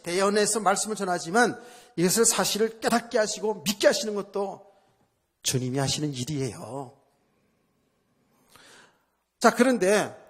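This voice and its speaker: A man's voice: high-pitched, husky. A male pastor preaching a sermon at a church service, in a conversational style, asking the congregation rhetorical questions and repeating phrases for emphasis.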